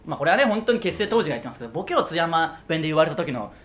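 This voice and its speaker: A male comedian co-hosting a radio show, talking fast in casual banter and scolding his partner with frequent laughs. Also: on the high side, sing-song, a crowd in the background. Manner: rapid, exasperated tsukkomi scolding with frequent laughs.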